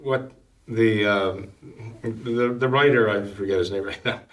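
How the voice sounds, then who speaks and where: A man, a priest, explaining his views on a talk show in a measured, hesitant way, with many pauses and restarts. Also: fairly low pitch. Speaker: priest and guest. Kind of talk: casual talk-show discussion. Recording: somewhat distant from the mic.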